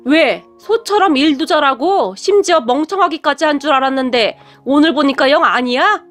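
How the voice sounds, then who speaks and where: Brief: blunt, scheming older mother-in-law, scolding tone, high-pitched read by a woman narrator. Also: moderate pace, fairly bright tone, soft background music.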